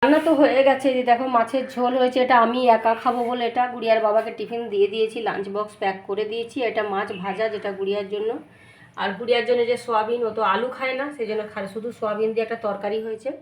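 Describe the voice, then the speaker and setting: A woman, hoarse and stuffy from a cold, chatting through a daily home vlog. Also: level tone, rapid-fire. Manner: chatty, talks to her dog in a high coaxing voice. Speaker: vlogger. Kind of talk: casual daily vlog narration. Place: home, indoors. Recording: echoey room with faint ambient noise.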